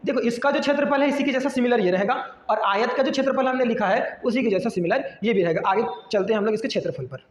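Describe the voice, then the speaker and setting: A man's voice: very high voice, fast talker, hardly any pauses. A man teaching a math lesson, often putting a question to the class and then answering it himself. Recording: echoey room with long reverb.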